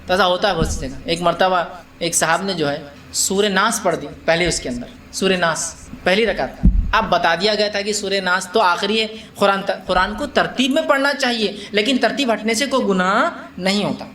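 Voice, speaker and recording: A man's voice: high voice, bright, forceful tone. A man preaching to a gathering in a conversational way. He asks his listeners questions and acts out little scenes. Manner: conversational, asks the audience questions, mixes in English words; acts out quotes with laughter. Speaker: Islamic preacher. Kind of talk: religious lecture to a live gathering.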